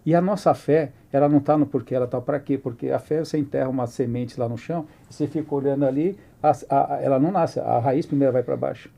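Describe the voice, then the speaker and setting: A man talks quickly in a relaxed podcast chat, his voice dark and mellow. He tells long personal stories with lively energy, rushing through his sentences. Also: mid-range voice, creaky. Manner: animated storytelling about faith. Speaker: podcast participant. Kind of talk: casual podcast conversation.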